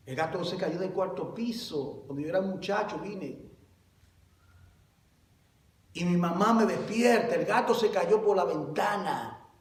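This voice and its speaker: A man preaching a sermon as pastor, swinging from loud exclamations to low confiding asides and calling his listeners brother. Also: echoey room, distant mic. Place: church hall.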